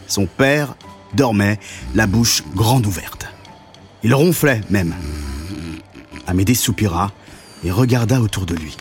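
A man narrating a children's story, expressive and swelling at the exciting moments. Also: lowish voice, slow, pauses often, faint music behind.

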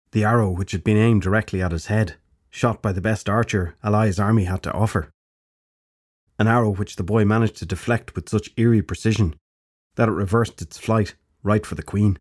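A man narrating an audiobook fantasy story in a measured storytelling manner. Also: fairly low pitch, darkish tone.

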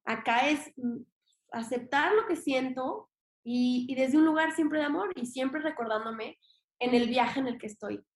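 Young Mexican woman, high voice, expressive slangy podcast guest, roomy echoey recording. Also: a little slow. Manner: expressive and slangy, acts out her inner voice. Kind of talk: casual conversation. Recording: echoey room.

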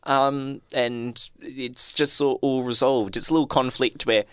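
A man's voice: medium pitch, steady tone, a little slow, fairly bright tone, clean tone, no room sound, studio quality. A young man co-hosting a podcast, chatting casually and correcting small details. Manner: corrects details, talks in bursts. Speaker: podcast co-host. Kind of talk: casual chat.

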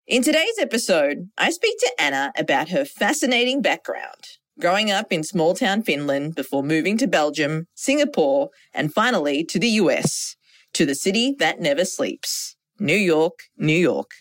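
A woman's voice: fairly low pitch, sing-song, moderate pace, dry recording. A woman hosting a podcast, reading scripted narration that introduces her guest. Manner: scripted narration with asides and light laughter. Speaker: podcast host.

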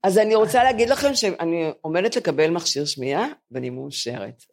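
Lively self-mocking woman in her seventies. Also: creaky. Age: 70s. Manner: animated, self-mocking, lively jumps in pitch. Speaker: podcast co-host. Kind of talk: comic storytelling chat. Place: live podcast taping before residents of a residential building.

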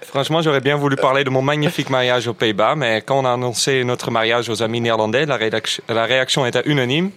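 Male columnist speaking French, mid-pitched, dry humour in his storytelling. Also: steady tone, fast, a bit bright. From Netherlands. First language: Dutch. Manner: anecdotal, wry humour. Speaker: radio columnist. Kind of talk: casual radio panel chat.

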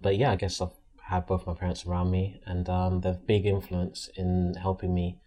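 A man's voice: low-pitched, completely flat delivery, normal speed, warm tone. A man from London, an entrepreneur guest on a podcast, talking casually and hesitantly with frequent ums. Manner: hesitant, many ums and restarts. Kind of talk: casual interview chat.

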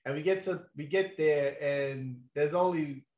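A man's voice: on the high side, unhurried, darkish tone. A young man telling a long story in a casual chat, laid-back and slangy, with lots of fillers and laughs. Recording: echoey room.

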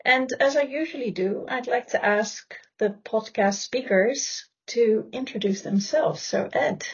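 A woman hosting an academic podcast, giving a formal introduction and asking measured questions. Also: on the high side, husky, dull audio. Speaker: podcast host. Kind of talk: podcast interview.

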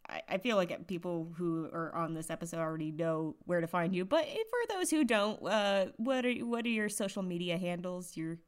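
A young woman co-hosting a casual podcast, easygoing and quick to giggle. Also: lowish voice, expressive, clear, resonant tone. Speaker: podcast co-host.

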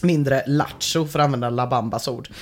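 A podcast host reading forum posts aloud in casual comedic chat, with dry sarcastic asides and frequent laughter. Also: mid-range voice.

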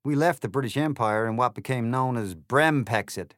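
A man's voice: mid-range voice, normal speed, a bit bright, no room sound, studio quality, close to an everyday voice. Man doing a smug drawling hare. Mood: brash. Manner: brash, turning icy and menacing.

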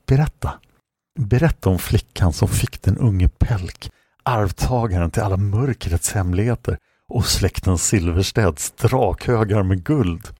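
A man's voice: on the low side, warm tone, slightly rough, no room sound, clean studio sound. A man reading aloud and voicing a playful, mocking young woman warrior in a storybook. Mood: teasing. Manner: mocking, teasing questions.

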